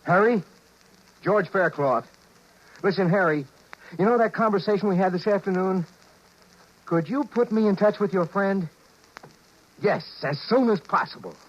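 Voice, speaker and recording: In a muffled vintage recording of a 1950s radio drama, an actor plays a harried, exasperated husband and businessman narrating his woes in the first person. His voice is high-pitched at normal speed with frequent pauses, and he sounds irritated, urgent, flustered and wry.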